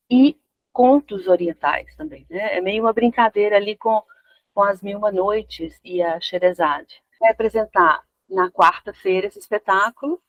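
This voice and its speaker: Argentine-born woman, 50s, relaxed interview guest with restarts, dull dry audio. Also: medium pitch, dry recording. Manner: relaxed, searching for words with restarts. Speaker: guest dancer. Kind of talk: casual interview.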